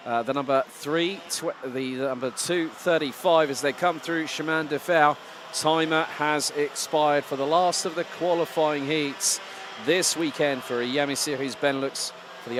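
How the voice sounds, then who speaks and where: A male motorsport commentator calls a live kart race in a somewhat high voice. He uses colourful, dramatic phrasing to describe the action. Clear trackside engine noise runs behind him.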